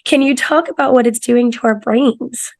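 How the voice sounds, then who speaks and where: Woman podcast host, hoarse, chatty and enthusiastic, slightly high voice. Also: normal speed. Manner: casual, enthusiastic, lots of "like" and "kinda". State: hoarse, losing her voice. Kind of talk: casual interview chat.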